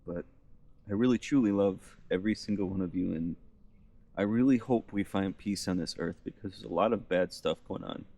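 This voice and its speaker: A man with a very low, deep voice talks earnestly to his viewers from a campsite in the woods. He sounds emotional and sincere, as if holding back tears. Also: brisk, darkish tone. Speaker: vlogger. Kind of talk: heartfelt vlog monologue. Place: forest campsite outdoors.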